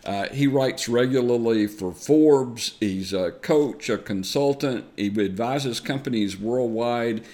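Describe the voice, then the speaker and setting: A man's voice: mid-range voice, slow, few pauses, darkish tone. A man with a Southern US accent hosting an interview show, chatty and upbeat, with lots of uh fillers. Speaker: podcast host. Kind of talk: friendly conversational interview.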